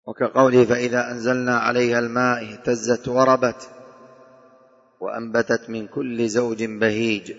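A male teacher giving a Quran commentary lesson. He dictates to his students, repeats key points and recites verses slowly between his explanations. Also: medium pitch, flat delivery, gravelly, fairly bright tone. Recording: dull echoing hall recording.

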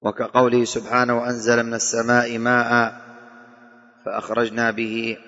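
A male teacher giving a Quran commentary lesson. He dictates to his students, repeats key points and recites verses slowly between his explanations. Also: mid-range voice, completely flat delivery, bright, forceful tone. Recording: dull echoing hall recording.

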